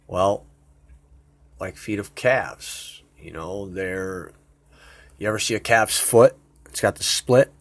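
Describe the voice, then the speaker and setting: A man's voice: on the low side, takes it slowly, vocal fry, pauses often. A man rambling and swearing casually as he shares his computer screen in a home video. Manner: rambling, profane, excitable. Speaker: video host.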